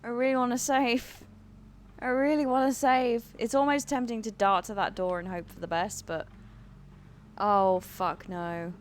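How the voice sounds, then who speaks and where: A woman's voice: fairly high pitch, flat delivery, measured pace, a little hiss or hum. A woman in her thirties streaming a video game live, chatting with viewers and swearing and exclaiming at the action. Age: 30s. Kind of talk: live gameplay commentary. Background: faint game music.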